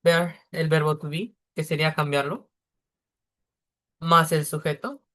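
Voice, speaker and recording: A man's voice: a little high, steady tone, a little slow, a bit bright. A man teaching a beginner English lesson, explaining step by step with patience.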